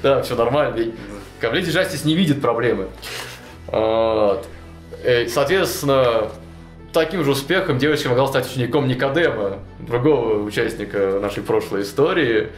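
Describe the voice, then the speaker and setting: Seated before a chalkboard wall, a young storyteller guest in a suit jacket rambles through a lengthy tale, leaning heavily on "ну" and "вот" with lively energy. He speaks at medium pitch and a moderate pace, and faint music drifts through the spacious studio.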